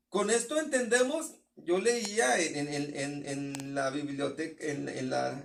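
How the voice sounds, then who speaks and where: A high-pitched man with a northern Mexican accent delivers a sermon. He talks in a halting way, repeating words and restarting phrases. He is picked up from some distance away from the mic. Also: vocal fry. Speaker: preacher.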